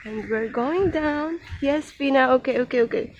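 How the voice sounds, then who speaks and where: A woman's voice: high voice, moderate pace, lo-fi sound, background noise. A young adult woman with a Filipino accent, vlogging casually outdoors in a garden and talking fondly to her cat, recorded on a handheld phone. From Philippines. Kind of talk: casual vlog narration.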